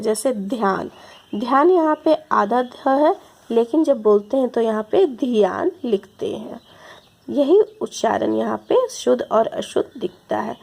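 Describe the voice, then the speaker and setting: Woman teacher, slow grammar lesson, somewhat high gravelly voice. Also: darkish tone. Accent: Indian Hindi. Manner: slow, deliberate, repeats examples. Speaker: school teacher. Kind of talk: grammar lesson explaining slides.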